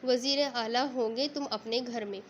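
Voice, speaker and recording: A woman's voice: fairly high pitch, fairly even intonation, normal speed, muffled recording, slight background noise, lightly acted. Woman voicing a fretful, sulky young woman. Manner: anxious pleading, grumbling. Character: young woman, worried then sulky, impulsive.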